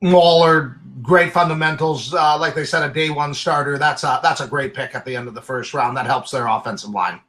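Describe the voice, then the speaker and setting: A man's voice: fairly high pitch, a little fast, hardly any pauses, a bit bright. A man giving opinionated, casual sports commentary as a draft analyst.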